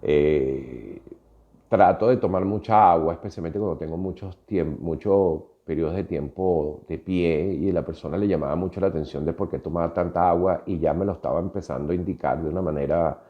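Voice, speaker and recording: A man's voice: sits low, moderate pace, narrow, tinny audio. A Venezuelan man in his fifties with a Venezuelan Spanish accent, telling a personal story in a reflective podcast monologue with frequent hesitations. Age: 50s. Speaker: podcast host.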